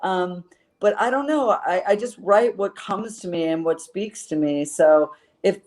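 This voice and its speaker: Speaking as a guest in an interview, a woman author from Los Angeles gives earnest, rambling answers packed with fillers. Her voice sits on the low side and sounds a little mellow.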